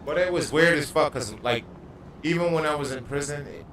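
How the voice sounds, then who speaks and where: A man's voice: fairly high pitch, fairly quick, fairly bright tone, slight background noise. A man livestreaming a video game, telling stories in casual, profane slang. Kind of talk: casual gaming livestream chat. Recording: echoey room, distant mic.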